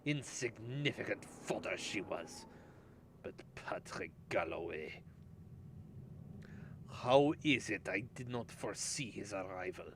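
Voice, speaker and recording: A man's voice: lowish voice, animated, slow pace, long pauses, fairly bright tone. A man voicing a sinister, haughty aristocrat in a mock German accent, reading a journal aloud theatrically. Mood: sinister, gloating. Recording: noisy home gameplay recording.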